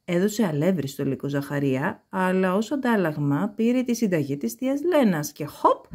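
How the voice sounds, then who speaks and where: A woman reads a children's story aloud with expressive, animated delivery. Her intonation swings widely and her voice is husky. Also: fairly low pitch.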